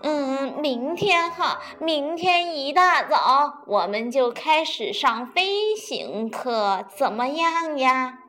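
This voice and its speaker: A woman's voice: high voice, expressive, pushed and bright, faint music behind, pitched above the performer's own voice, full character voice. Woman voicing a sly coaxing crane. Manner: coaxing, drawn-out words.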